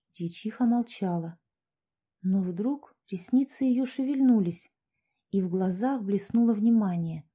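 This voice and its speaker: A woman reading a short story aloud in steady, even audiobook narration. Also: mid-range voice.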